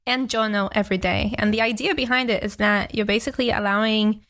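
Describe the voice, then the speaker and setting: Fast and fairly bright, with a mid-range voice and fairly even intonation, this young woman from Brazil, a native Portuguese speaker, reflects casually as a podcast guest. She laughs often throughout the interview chat.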